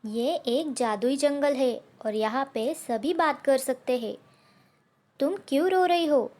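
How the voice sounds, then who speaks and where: A woman's voice: high voice, slow, darkish tone. A woman voicing a friendly, kind talking magic pumpkin in a cartoon story, speaking reassuringly.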